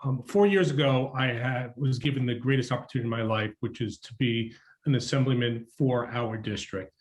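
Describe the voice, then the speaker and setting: A man's voice: medium pitch, brisk. A man running for office, giving an earnest opening statement with frequent ums. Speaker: political candidate.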